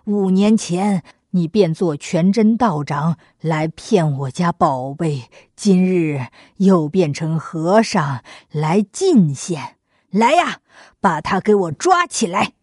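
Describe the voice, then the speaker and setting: Indignant young prince, loud and low, voiced by a woman narrator. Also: animated, slow, no echo, clean studio sound. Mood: furious. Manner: loud, angry outbursts.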